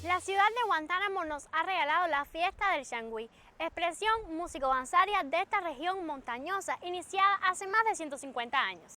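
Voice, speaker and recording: A woman with a Cuban Spanish accent co-hosting an educational program in a bright, announcing delivery. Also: very high-pitched, expressive, fairly quick, hardly any pauses, soft background music. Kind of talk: scripted presenting.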